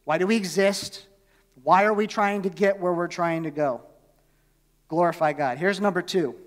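High-voiced pastor in a reverberant hall. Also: male voice, moderate pace. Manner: conversational, asks the congregation questions. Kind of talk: sermon. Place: church.

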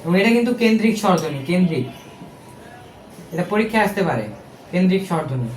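The recording, made in an echoey room with a little hiss or hum, captures a young man with a Bangladeshi accent delivering a step-by-step exam-prep lesson. He sounds high-pitched and animated, talks quickly, and keeps things casual with fillers, rhetorical questions and self-corrections.

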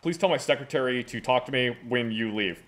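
A man playing a weary, skeptical boss in a comic sock puppet skit, halting and deadpan. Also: medium pitch, natural voice. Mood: unimpressed, patient.

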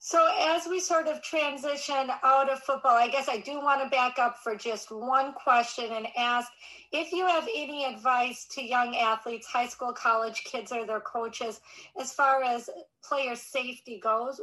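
A woman's voice: fairly high pitch, a little slow, bright, forceful tone, rough recording. A woman hosting a podcast interview, asking polite, structured questions. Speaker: podcast host.

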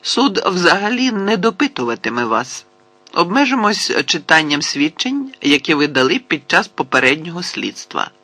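Brief: a man as a severe courtroom judge, forceful and loud, voice pushed up. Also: very animated, moderate pace, dry recording, exaggerated voice. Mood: stern. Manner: severe, booming pronouncements. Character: stern, short-tempered male judge.

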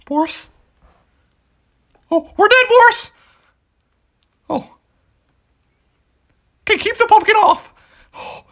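A woman's voice: very high-pitched, expressive, takes it slowly, pauses often, a bit bright, full character voice. A woman voicing a jumpy, chatty cartoon devil boy in a Minecraft let's play role-play, easily startled. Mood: panicky.

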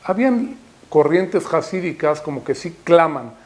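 A man's voice: fairly high pitch, expressive, a little slow. A man, a rabbi giving a Torah sermon, emphatic and rising to impassioned repeated calls, with Hebrew terms mixed in. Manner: peppers speech with Hebrew terms.

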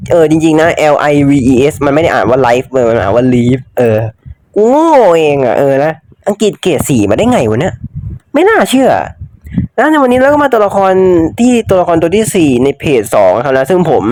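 A young gaming YouTuber gives casual let's-play commentary on a mobile game, chatting away, swearing freely, and joking about his own mistakes. His voice is medium-pitched and a little mellow, recorded with no echo.

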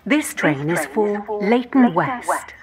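A woman's voice: mid-range voice, a crowd in the background. A woman giving formal automated station announcements, stitched together from separately recorded words. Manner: slow, even, measured. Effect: automated announcement spliced together from separate recorded words.

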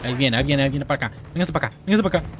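A young Mexican man giving excitable, jokey gameplay commentary and swearing now and then. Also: medium pitch, very fast, noisy background. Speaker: gamer. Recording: gunfire from game audio. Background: loud game gunfire.

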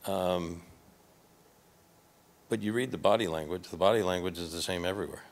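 Speaking at a moderate pace, an older Midwestern American man accepting an award gives a conference talk followed by audience Q&A. His low voice is folksy and conversational, and his restarts trail off. He holds a handheld microphone at a podium on a large hotel ballroom stage.

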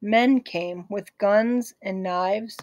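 A woman voicing a polite young refugee boy who speaks careful, halting English, in a slow audiobook reading. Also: medium pitch, darkish tone.

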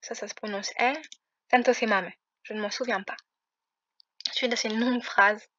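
A woman's voice: medium pitch, level tone, a little fast, bright, forceful tone, no echo. A woman teaching a language lesson, patiently explaining pronunciation step by step. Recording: muffled, dry close recording.

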